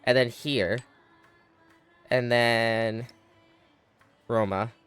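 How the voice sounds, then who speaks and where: Guy streaming a strategy game, rambling to chat, kinda tired, smooth voice, mid pitch. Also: steady tone, very slow, fairly bright tone, faint music behind. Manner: chatty, thinking aloud, frequent exclamations. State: yawning, tired. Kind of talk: casual live gameplay commentary.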